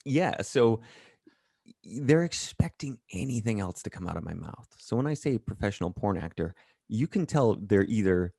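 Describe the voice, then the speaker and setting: Blunt low-voiced man telling stories. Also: moderate pace, vocal fry, husky, no room sound, studio quality. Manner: blunt, profane, animated storyteller. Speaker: interview guest. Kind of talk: casual storytelling interview.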